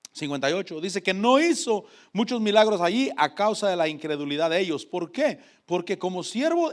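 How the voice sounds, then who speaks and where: A man whose voice sits high preaches fervently, asking the congregation to say his words back to him. He moves between loud exhortation and soft asides.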